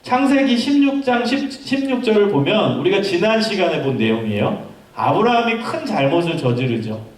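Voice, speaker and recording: In a church hall, a male pastor delivers a youth sermon, telling stories and putting questions to the congregation. His voice sits high and is very animated, at a moderate pace. The hall is echoey and he sounds far from the mic.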